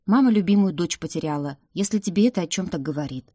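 A woman voicing a gentle, worried teenage brother who speaks softly and thoughtfully in an audiobook. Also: lowish voice, lively intonation, fast, slightly rough, no echo, clean studio sound. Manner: soft, thoughtful.

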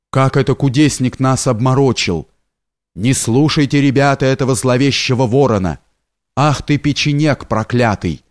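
A fiery old grey-haired fisherman, as a male narrator plays him who scolds the young and rails at a stranger. His delivery is agitated and stern, mid-pitched and dry, recorded up close. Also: dry recording, lightly acted.

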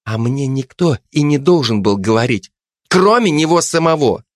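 A man voicing a brash, domineering female police investigator with a loud, scolding manner in an audiobook. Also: medium pitch, expressive, normal speed, no room sound, clean studio sound, pitched above the performer's own voice, natural voice. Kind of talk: audiobook character voice.

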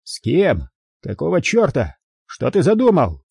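A man's voice: fairly high pitch, wildly swooping pitch, unhurried, gravelly, a little mellow, husky, no echo, clean studio sound, voice pushed up, exaggerated voice. A man voicing an exasperated, fearful police inspector who protests and argues.

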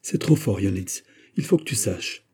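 A man reading the part of a proud, defiant young woman in an audiobook, with curt, clipped replies and a husky voice. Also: deep voice, expressive, moderate pace, dark tone, heavily acted. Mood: indignant.

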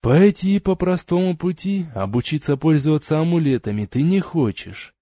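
A man's voice: fairly high pitch, expressive, moderate pace, warm tone, no echo, studio quality, pitched above the performer's own voice. A man reading an audiobook, voicing a sympathetic young male friend in a concerned, reassuring manner.

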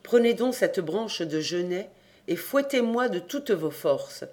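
An audiobook reader voicing a dead young man risen from his grave, who speaks in a loud, urgent and commanding voice. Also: mid-range voice, expressive, takes it slowly. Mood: grave insistence.

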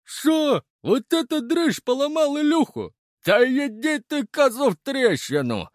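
A wheezy grumpy old grandpa. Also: male voice, very high voice, very animated, unhurried, no room sound, clean studio sound, pitched above the performer's own voice, full character voice. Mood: grumbling. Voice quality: wheezing rasp.

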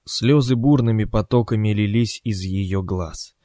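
A man narrating a story in an ironic, expressive way, as an audiobook. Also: on the low side, moderate pace, no room sound, studio quality.

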